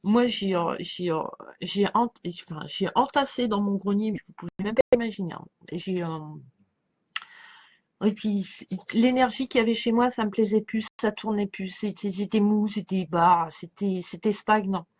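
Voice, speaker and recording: A woman with a slight lisp chatting casually as a tarot reader, halting and circling back, often leaving thoughts unfinished. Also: mid-range voice, darkish tone. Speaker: tarot card reader giving a reading to followers. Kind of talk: casual rambling chat over a tarot spread. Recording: dull lo-fi sound.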